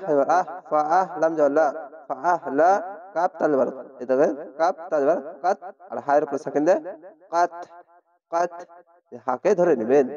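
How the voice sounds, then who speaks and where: A man teaching Quran reading in Bengali, spelling out each syllable and then chanting the whole word slowly and drawn out. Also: on the high side, a little mellow. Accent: Bangladeshi Bengali. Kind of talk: slow spelled-out recitation lesson. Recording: distant dull lo-fi recording.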